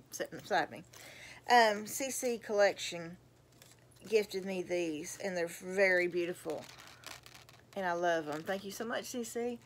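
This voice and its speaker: An older woman chatting casually as she shows off gifts, gushing and exclaiming over each item in folksy, drawn-out phrases. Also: medium pitch, a little hiss or hum. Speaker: vlogger showing gifts. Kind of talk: casual show-and-tell chat.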